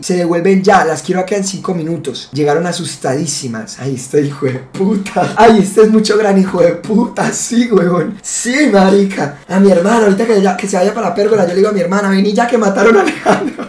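A young man with a Colombian accent, reading out and reacting to confessions, swearing and bursting out loudly. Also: sits high, echoey room. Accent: Colombian Spanish. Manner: crude, loud outbursts, swearing often. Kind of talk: casual reaction commentary.

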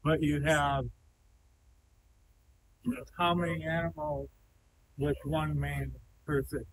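Inside a large, open-sided cattle barn, a man in his thirties working as an interviewer for a silo company questions a farmer in a conversational, prompting way. His voice is fairly high with little pitch movement and a slow pace. The low-quality recording has a bit of hiss or hum.

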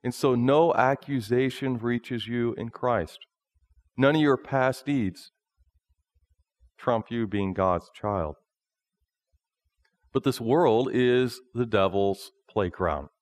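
A man in his thirties, a pastor preaching a sermon from a lectern in a small church, in a slow, measured delivery. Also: mid-range voice, dry recording, clean studio sound. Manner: slow, measured preaching, often reading from notes.

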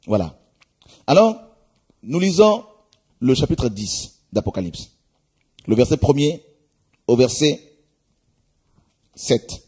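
A man preaching a sermon, reading scripture aloud and exhorting his listeners, often repeating "my friends" and pausing with hesitations. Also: medium pitch, sing-song, a little mellow, slightly rough. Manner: exhorting, repeats "mes amis", many hesitations.

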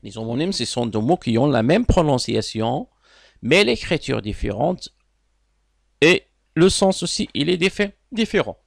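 Man, Moroccan accent, teacher, animated pitch, dry close sound. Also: unhurried, gravelly, no room sound. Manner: explanatory, repeats words and asks students questions. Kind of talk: exam correction lesson.

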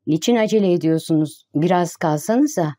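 An idle, gentle young gentleman speaks softly and plaintively, as a woman narrator reads him. The voice sits low and mellow. It is an audiobook figure with little change from the reader's own voice. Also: lively intonation, fairly quick, natural voice. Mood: polite, shy.

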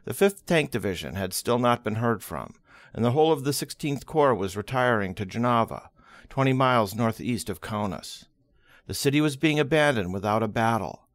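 A man reading a history book aloud as an audiobook, expressive and dramatic, closely recorded. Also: mid-range voice, moderate pace, no room sound. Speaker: audiobook reader.

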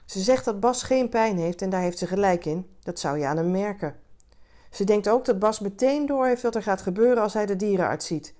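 A woman reading a literary short story aloud in a calm, measured way. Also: medium pitch. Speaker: reader.

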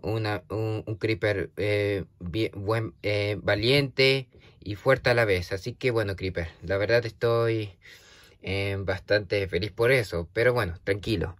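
Guy talking slow and stammery, keeps restarting, kinda nervous, dry close sound. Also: on the low side, dry recording. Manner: halting, stammering, with many restarts and sudden yelps. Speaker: video creator talking to a toy character. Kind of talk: casual one-sided chat to a silent companion.

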